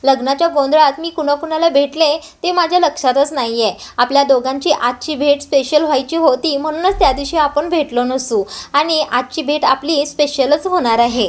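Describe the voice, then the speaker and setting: A woman retelling a TV serial episode, quoting each character's lines in her own voice with frequent short "uh" pauses. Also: high-pitched. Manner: quotes every character's dialogue in her own voice; brisk storyteller with frequent "uh" pauses. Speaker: serial recap narrator.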